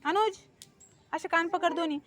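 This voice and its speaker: A woman's voice: very high-pitched, normal speed, a bit bright. A woman teacher coaxing young pupils with patient questions in a school classroom.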